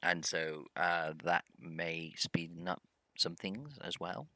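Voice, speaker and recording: Man, slow hesitant game commentary, hums to himself. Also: low-pitched, sharp tone, dry recording. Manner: rambling, hesitant, humming to himself. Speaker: gameplay video host. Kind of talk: casual let's-play commentary.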